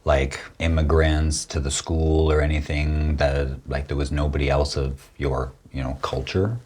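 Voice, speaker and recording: Very deep-voiced young male podcast host. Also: monotone, darkish tone. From Quebec. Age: young adult. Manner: slow, hesitant, many restarts. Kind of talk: casual interview.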